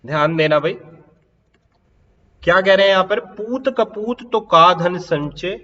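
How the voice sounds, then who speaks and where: A man teaching an exam-prep grammar lesson, repeating key points, checking if students follow, and reading examples slowly. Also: high voice, sharp tone, in a large hall, dull audio. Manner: repetitive, checks understanding, drawn-out example lines.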